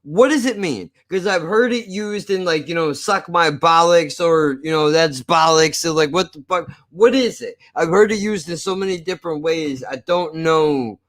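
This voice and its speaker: Animated and fairly high-pitched, this American man talks at a normal speed on a live stream, barely pausing. His casual chatter is blunt, profane, and self-mocking, with a slight slur and lisp suggesting missing teeth.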